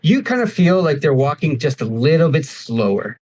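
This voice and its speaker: Husky-voiced man running a tabletop game. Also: fairly high pitch, sing-song, darkish tone. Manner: casual, halting, laughs often. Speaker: game master.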